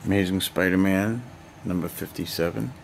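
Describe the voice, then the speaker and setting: Low-voiced older man rambling through his hoard. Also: normal speed, vocal fry. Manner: rambling, chatty, listing items one by one. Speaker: collector showing his hoard. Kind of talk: casual unboxing vlog. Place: cluttered basement storage room. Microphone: handheld camera mic. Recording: noisy home camera audio.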